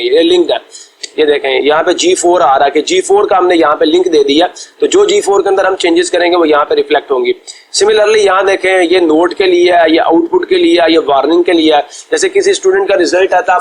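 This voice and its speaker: A man teaching a software tutorial, patient and step-by-step, addressing students politely and drifting into chatty asides. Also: fairly high pitch, low-quality recording. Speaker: computer course teacher. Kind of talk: screen-recorded software tutorial.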